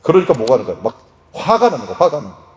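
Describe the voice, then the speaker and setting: A man preaching a sermon in a conversational, lively way, sometimes acting out quotes. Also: mid-range voice, racing, lo-fi sound. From Korea. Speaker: pastor.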